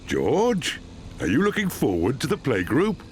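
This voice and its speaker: A man's voice: medium pitch, unhurried, a little hiss or hum. A man voicing a jolly, reassuring father pig in a children's cartoon. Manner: calm and reassuring. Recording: studio voice over loud music.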